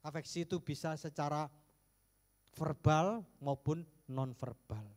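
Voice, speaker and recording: A man preaching a sermon as pastor, jumping between emphatic bursts and hushed low asides, with jokes along the way. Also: a little slow. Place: church sanctuary. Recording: echoey church hall.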